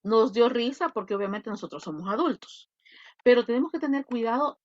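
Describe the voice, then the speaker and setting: A woman's voice: a little high, brisk. Emphatic Salvadoran woman teacher, lo-fi. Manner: emphatic, blunt, animated asides. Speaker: English teacher. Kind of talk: online class lecture.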